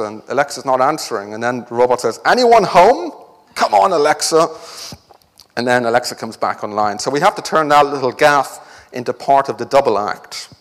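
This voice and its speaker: A man's voice: medium pitch, a bit bright, in a large hall. A man giving an academic conference talk with a wry, joking delivery. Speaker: conference speaker. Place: lecture hall.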